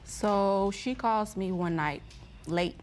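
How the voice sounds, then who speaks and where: A woman's voice: mid-range voice, takes it slowly, darkish tone, a little hiss or hum. A woman giving testimony as a witness on a TV court show. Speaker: witness, litigant's best friend. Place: TV courtroom studio.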